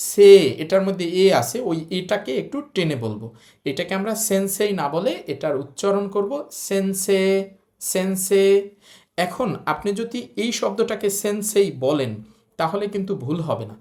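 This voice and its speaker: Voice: mid-range voice, animated, moderate pace. A language teacher gives a recorded lesson. The teacher explains patiently, repeating points and spelling out syllables one by one.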